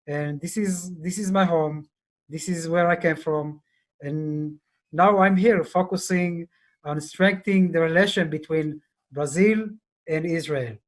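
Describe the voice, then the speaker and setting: Slow, halting man on a video call. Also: a little high. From Ethiopia. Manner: slow, halting, many fillers. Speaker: diplomat guest. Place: office indoors. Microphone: earphone mic on video call.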